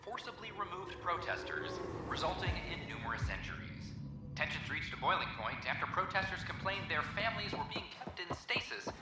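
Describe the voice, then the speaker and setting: A formal news announcer on a space station in a video game, pitched a little high with animated inflection. His voice rings with echo over loud music. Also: a little fast. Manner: formal broadcast delivery. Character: male station announcer reading news bulletins.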